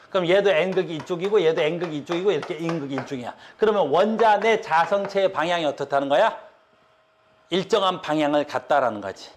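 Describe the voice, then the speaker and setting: High-voiced man teaching physics. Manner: repeats "봐" and "알겠니?" checks to students; casual speech, explaining with drawings. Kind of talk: online physics lecture.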